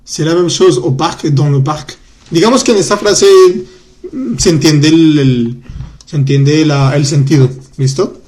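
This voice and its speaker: A man with a somewhat raised voice runs a live online lesson. He chats with his viewers and answers them, then slows right down to repeat and spell out words. He sounds patient and easygoing as he explains the grammar. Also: fairly high pitch, a little mellow. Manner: chatty, reads out student comments, repeats words slowly. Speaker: French teacher.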